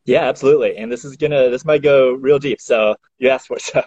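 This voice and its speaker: A man in his thirties, born in China and raised in the US, telling his story as a podcast guest in a candid, relaxed way over a video call. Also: mid-range voice, fast talker, husky, dry recording. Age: 30s. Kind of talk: casual interview chat. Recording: dull lo-fi video call audio.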